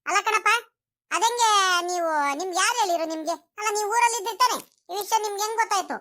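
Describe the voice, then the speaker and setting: A woman's voice: extremely high pitch, fast, fairly bright tone. A woman voicing a bewildered young wife. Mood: outraged. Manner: pleading, questioning. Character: young married daughter, bewildered and upset. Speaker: daughter in a family cartoon. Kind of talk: village comedy cartoon acting.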